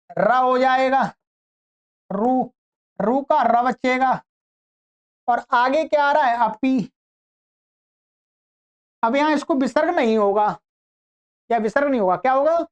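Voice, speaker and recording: Slow high-voiced woman teaching grammar. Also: clean tone. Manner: patient step-by-step explaining, slow drawn-out example words. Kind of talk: online grammar lesson. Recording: dull lo-fi recording.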